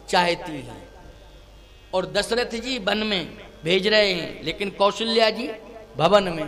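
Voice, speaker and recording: A man's voice: high-pitched, a bit bright, in a large hall. A male spiritual preacher giving a devotional scripture discourse with emphatic rhetorical questions and chanted verses.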